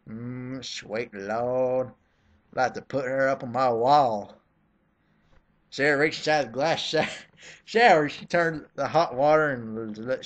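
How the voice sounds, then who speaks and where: Someone with a mid-pitched voice gives a mock dramatic reading of fan fiction. The performance is theatrical, put-upon and exasperated, breaking off between narrated sentences for snarky asides.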